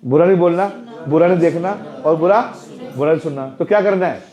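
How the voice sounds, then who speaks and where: A man gives an interactive spiritual talk to parents, his voice pitched a little high and soft. He chats playfully and keeps questioning his listeners. The recording is dull and lo-fi. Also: fast. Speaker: temple president giving a talk to parents.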